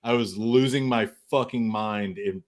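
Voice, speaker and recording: A man's voice: on the low side, a little slow. A man in casual chat on a stream, blunt and profane, making his points with emphasis.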